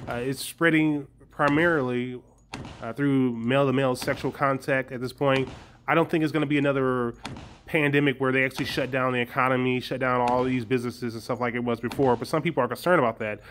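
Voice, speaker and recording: A man's voice: medium pitch, steady tone, a little fast, fairly bright tone, slight background noise. A man, a young adult, chatting casually to his viewers in a rambling, hesitant way with frequent chuckles. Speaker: vlogger.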